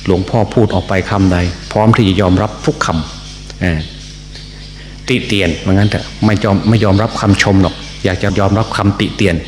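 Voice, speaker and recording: Older man, Buddhist monk, Northeastern Thai accent, slow halting sermon, very deep voice, echoey hall, long reverb. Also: fairly even intonation, soft background music. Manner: slow, deliberate speech with repeated words and many pauses; frequent hesitation fillers. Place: temple hall. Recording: echoey hall recording with faint hum.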